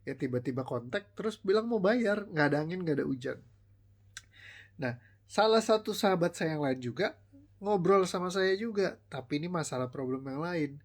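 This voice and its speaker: A man who works as a life coach, giving a casual motivational talk on a live stream and telling stories in a conversational way. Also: normal speed. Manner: conversational, storytelling, mixes slang and English words; animated, voices quoted people with rising pitch.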